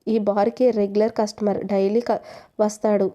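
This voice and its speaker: A woman voicing a helpful young male bar worker in an even reading. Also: medium pitch, moderate pace, dull audio, natural voice.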